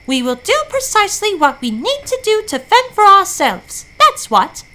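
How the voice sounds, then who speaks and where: Woman voicing a bossy, high-pitched storybook hen. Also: wildly swooping pitch, moderate pace, sharp tone, full character voice. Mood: commanding. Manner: haughty, scolding. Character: bossy, proud, boastful female hen. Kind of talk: animated storybook character voice.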